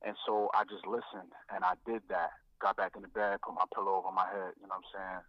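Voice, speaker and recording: Low-voiced man on a muffled line. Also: level tone, quick pace, dry recording. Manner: reflective, repeats words, frequent fillers. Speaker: guest rapper. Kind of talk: telling his faith story.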